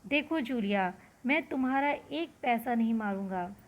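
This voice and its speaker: A woman voicing an angry middle-aged male employer who shouts, then softens to lecture. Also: on the high side, lively intonation, normal speed, muffled recording, natural voice. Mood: gently lecturing.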